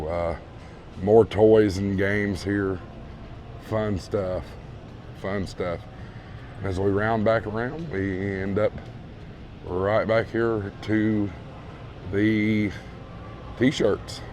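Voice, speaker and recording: A hoarse vlog host, his voice giving out, strolls through a big indoor retail store, filming on a handheld phone and casually narrating for the folks watching. His voice sits lowish and a little mellow, with a faint hiss or hum, and he keeps an easygoing tone while repeating his praise.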